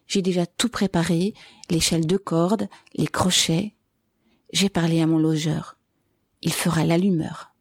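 A woman reading aloud, voicing an eager, fervent young man who talks excitedly and insists, pitched higher than her narration. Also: a little slow, husky, no echo, studio quality. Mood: eager urgent.

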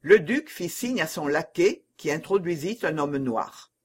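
A man narrating a classic novel as an audiobook in a measured, even way. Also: on the high side, husky.

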